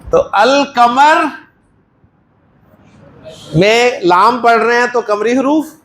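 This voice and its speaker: A man's voice: very high voice, slow pace, a bit bright, echoey room. A male teacher with a Pakistani Urdu accent giving a Quran Arabic lesson in a mosque class, patiently quizzing students and praising their answers.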